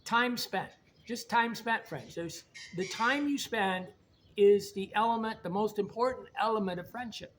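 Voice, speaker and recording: A man's voice: sits high, measured pace, fairly bright tone, a little hiss or hum. A middle-aged man from Indiana talking in a rambling, blunt, folksy monologue, often repeating words as he goes. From Indiana, United States. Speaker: vlogger. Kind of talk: casual monologue to camera.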